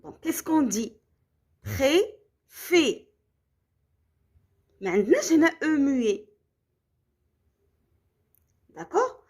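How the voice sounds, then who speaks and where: A woman teacher with a Moroccan accent, explaining French grammar to children slowly and carefully, checking often that they have understood. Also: high-pitched, very animated, a little mellow. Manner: slow, carefully spelled-out explanations with frequent comprehension checks.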